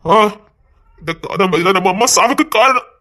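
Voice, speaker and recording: A man's voice: high voice, expressive, normal speed, pushed and bright. A man with a Tirunelveli accent playing a harsh, hot-tempered young man who gives commands and threats. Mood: stern, angry. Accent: Tirunelveli Tamil. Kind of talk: comedy skit drama.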